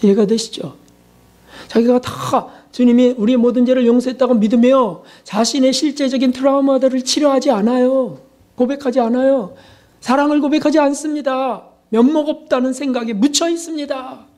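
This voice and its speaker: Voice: sits high, fairly even intonation, moderate pace, a little mellow. A preacher in full sermon mode, leaning hard on repetition and rhetorical questions. The delivery is emphatic and insistent. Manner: emphatic, rhetorical questions, repeats key words. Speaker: pastor.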